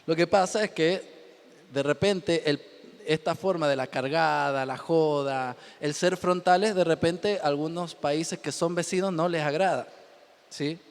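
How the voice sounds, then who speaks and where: A pastor from Chile preaching a humorous sermon from the pulpit, joking, laughing often and repeating himself for emphasis. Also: male voice, fairly high pitch, measured pace, smooth. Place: church pulpit. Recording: reverberant church hall.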